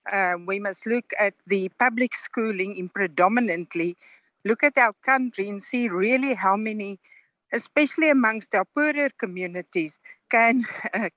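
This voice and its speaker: A woman's voice: mid-range voice, fairly bright tone, dry recording, low-quality recording. A woman speaking as a committee member in a formal debate, plain and direct.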